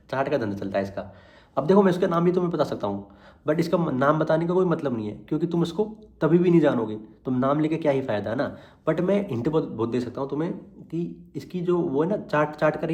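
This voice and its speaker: Young male vlogger, mid pitch, rambling filler-heavy chat, echoey room. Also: darkish tone. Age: young adult. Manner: rambling, full of fillers, angry threats turning to tired chat. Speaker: exam student vlogger. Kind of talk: casual vlog monologue.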